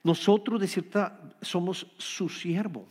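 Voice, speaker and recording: Preacher, male, slightly high voice, earnest sermon delivery with repeated phrases, recorded in a reverberant hall. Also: steady tone, slow pace, a little mellow, breathy edge. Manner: earnest, repeats key phrases, restarts words. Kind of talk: Bible-study sermon.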